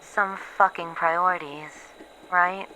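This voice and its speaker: A woman voices a weary, bitter female researcher who is losing her memories and hiding alone, recording a lonely audio log for an ASMR horror roleplay monologue. She speaks slowly and haltingly in a bright, mid-pitched, steady voice, sighing and swearing sardonically, with a melancholy, musing mood. The low-quality recording carries faint background noise.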